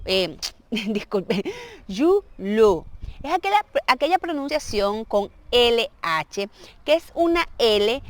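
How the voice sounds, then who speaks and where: A woman whose first language is Spanish, giving a casual video lesson and patiently explaining pronunciation, checking understanding with frequent "ok?". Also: a little high. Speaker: language teacher.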